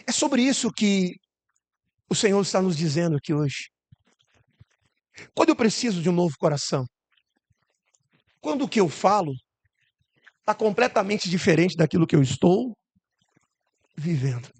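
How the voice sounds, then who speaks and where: Male Brazilian preacher, high-pitched, sermon full of rhetorical questions. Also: very animated, normal speed, long pauses, slightly rough. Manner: acts out quoted voices.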